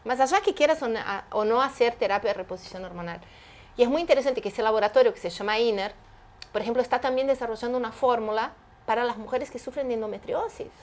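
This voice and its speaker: Fast and fairly high-pitched, a woman entrepreneur speaks as a guest in an animated interview. She drives her points home emphatically and leans on rhetorical questions.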